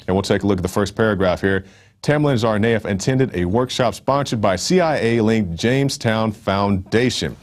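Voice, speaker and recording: A man with a very low voice hosts his own news commentary show. He talks emphatically and loosely, with casual asides and frequent "uh"s between his points. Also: normal speed. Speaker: online show host.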